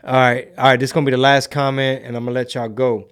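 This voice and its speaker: A man's voice: medium pitch, flat delivery, fast talker, clear, resonant tone. Male livestream host, casual commentary, slangy and conversational delivery aimed at his audience. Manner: slangy, conversational, rhetorical questions to viewers. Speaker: host of a live commentary show and podcast.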